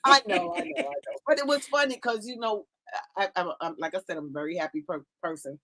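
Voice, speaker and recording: An older woman, co-hosting a casual chat and telling animated, laughing stories. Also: mid-range voice, fast. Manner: animated storyteller, laughing and acting out voices. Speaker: co-host.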